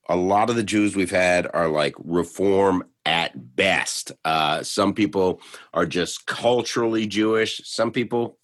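A man's voice: lowish voice, fairly bright tone. A man hosting a casual chat, joking and asking his guests questions. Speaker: podcast host.

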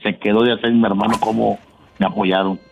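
A middle-aged man calling a radio show by phone, telling a personal story in an earnest, halting, repetitive way. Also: fairly low pitch, level tone, creaky, darkish tone, a little hiss or hum. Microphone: telephone. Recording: tinny phone line.

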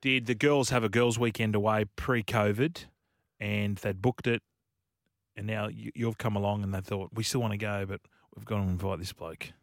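A man's voice: fairly low pitch, fairly even intonation, normal speed, gravelly, no room sound, clean studio sound. A man with a broad Australian accent doing casual radio banter as a co-host, teasing and slangy in a blokey way.

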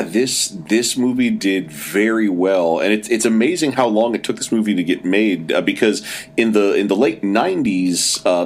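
A man's voice: fairly low pitch, husky. A man co-hosting a podcast in casual film talk, stopping and starting as he goes. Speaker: podcast co-host. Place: hotel room. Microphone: outdated recording equipment.

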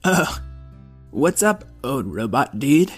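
A man's voice: medium pitch, big pitch swings, takes it slowly, breathy edge, faint music behind, heavily acted. A man voicing a laid-back, mopey young robot who talks in a hesitant slacker drawl for a children's story. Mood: awkward. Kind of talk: character voice in a children's audio story.

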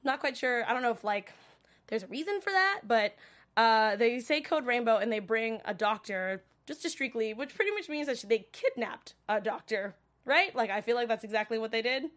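A woman getting over a cold chats on a livestream, rambling with lots of fillers. Her voice sits a little high. She wanders between thoughts in a loose, casual way. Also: expressive, moderate pace, a bit bright. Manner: chatty, rambling, filler-heavy. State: recovering from a cold, coughing. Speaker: livestream show recap host. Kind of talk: casual chat reacting to viewer comments.

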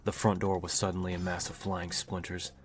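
Very flat, deep-voiced male narrator. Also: a little fast. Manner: steady, even storytelling. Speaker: audiobook narrator. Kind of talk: reading a novel aloud. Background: music.

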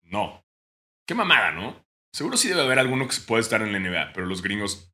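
A young man with a Mexican accent chats casually as a podcast co-host. His voice is bright and sits fairly low, and he jokes a lot, sometimes breaking into loud mock outrage. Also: very animated, fast talker. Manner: joking, bursts into mock shouting. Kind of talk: casual chat.

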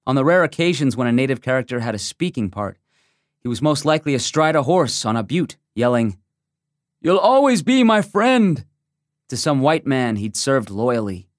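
A man reads a first-person magazine essay in a measured, reflective way. His voice sits in an ordinary middle register. The recording is close and dry, with no room sound. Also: medium pitch, animated, dry recording. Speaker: essay reader. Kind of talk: scripted narration of a magazine essay.

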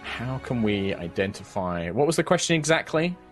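A man's voice: medium pitch, sing-song, normal speed, soft background music. A man narrating and refereeing a tabletop game as the game master, explaining rules and describing scenes.

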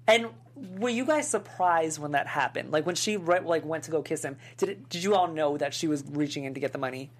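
Low-voiced woman podcast co-host. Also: fairly quick, hardly any pauses. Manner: chatty, leads the discussion with questions. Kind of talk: casual chat.

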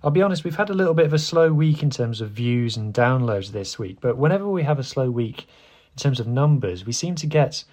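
A man presents a casual sports news podcast on his own. His voice sits at a medium pitch and he talks in an informal, chatty manner, with a self-deprecating streak as host. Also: expressive, fairly quick, darkish tone.

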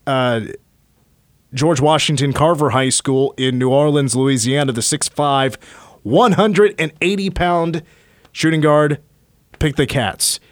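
A man's voice: a little high, takes it slowly, no echo. A chatty, upbeat male sports radio host with a slightly raised voice. He talks casually into a studio microphone, and the sound is close and dry.

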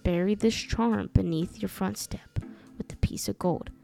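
A woman's voice: mid-range voice, normal speed, creaky, warm tone, faint music behind. A woman putting on a crackling old witch. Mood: conspiratorial.

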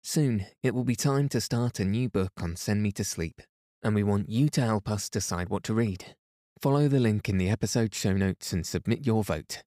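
A man narrating a sleep story in a calm, soothing and gently guiding manner. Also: lowish voice, moderate pace, dry recording, studio quality. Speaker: sleep podcast host and narrator.

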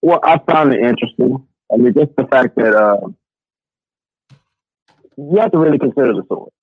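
Male podcast guest on a bad Bluetooth headset: underwater, gurgling, dry and muffled; halting delivery. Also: medium pitch, animated, slightly rough, no room sound. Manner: hesitant, halting with many fillers. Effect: muffled gurgling underwater-sounding audio. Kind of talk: casual opinion chat. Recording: muffled lo-fi headset call line.

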